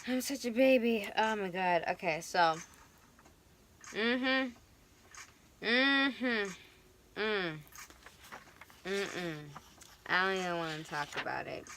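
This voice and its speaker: A young woman giving a casual, animated tarot reading, chatty and playful. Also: lowish voice, brisk, hardly any pauses, slight background noise. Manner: animated, chatty, swings into playful quoted voices. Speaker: tarot reader.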